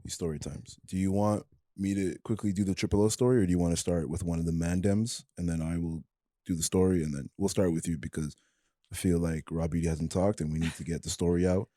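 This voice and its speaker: Deep-voiced man hosting a chat podcast. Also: fast, no echo, studio quality. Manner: relaxed, uses slang, eggs on the guest. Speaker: podcast co-host.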